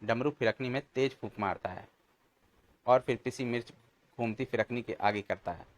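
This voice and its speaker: A man's voice: mid-range voice, normal speed. A man narrating children's comic stories in a friendly way, speaking to viewers as friends. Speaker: narrator of a kids' comic channel.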